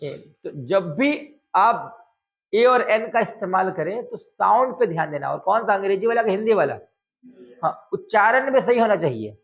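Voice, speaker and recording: Guy teaching english grammar, keeps asking the class questions, high voice, kinda muffled sound. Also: lively intonation. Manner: quizzes students with constant questions; drawls out example sentences slowly.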